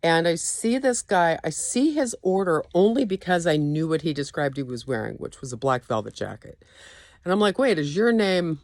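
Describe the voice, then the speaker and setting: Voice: mid-range voice, lively intonation, normal speed, no room sound, studio quality. Informal store trainer explaining procedures, instructive. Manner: instructive, checking in often with "okay?". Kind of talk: informal staff training walkthrough.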